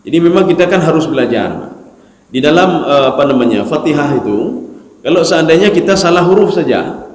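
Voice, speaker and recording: A male preacher giving a study sermon in a mosque, animated and joking, acting out mumbled recitation. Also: a little high. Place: mosque hall. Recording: echoey mosque hall.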